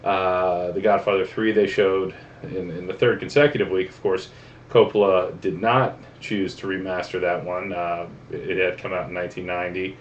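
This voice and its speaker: Folksy deep-voiced man chatting about movies. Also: level tone. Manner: folksy, rambling, with many "uh" pauses. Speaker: movie vlogger. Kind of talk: casual vlog check-in. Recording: dull, lo-fi webcam audio with faint background hum.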